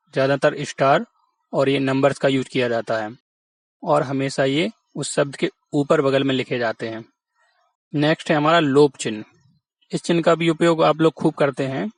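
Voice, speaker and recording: A man's voice: fairly high pitch, normal speed, no room sound. A man teaching an exam-prep lesson, patiently explaining and answering his own questions.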